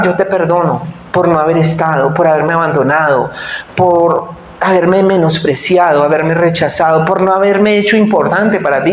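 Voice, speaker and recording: High-voiced pastor man in his forties. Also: a little hiss or hum. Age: 40s. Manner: conversational, self-deprecating, asks the congregation to answer. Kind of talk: sermon. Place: church hall. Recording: echoey church hall.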